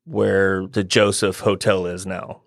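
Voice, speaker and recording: Guy on a podcast, gravelly low voice, swears a lot, acts out the people in his story. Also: slow pace, dry recording, clean studio sound. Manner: animated storyteller, profane, mimics people. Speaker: podcast guest. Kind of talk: casual chat, storytelling.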